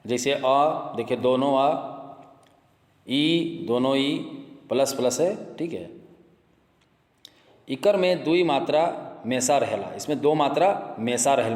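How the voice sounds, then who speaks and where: A man at a mid-range pitch leads a grammar lesson for exam students, his carrying an inflection. He repeats each point and keeps checking that his listeners follow. The room is echoey, with a long reverb trailing behind his voice. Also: a little mellow. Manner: repetitive, checks in with "ठीक है" and "देखिए". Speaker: teacher.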